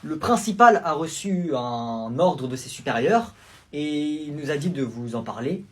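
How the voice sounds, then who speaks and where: A man acting out short comedy sketches, playful and quick to shift between characters. His voice moves in a lively way, rising and falling widely in pitch.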